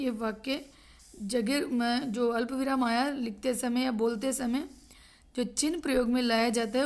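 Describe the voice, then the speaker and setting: A woman teaching a grade-school grammar lesson to children, explaining slowly and checking often that they follow. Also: on the high side. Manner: explains slowly, repeats and checks with "thik hai".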